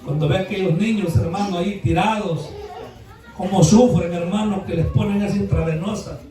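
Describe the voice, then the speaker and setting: A man preaching a sermon as pastor, telling folksy stories and building to shouted exhortation. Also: high-pitched, brisk, slight background noise. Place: church sanctuary. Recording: echoey church hall, mic at a distance.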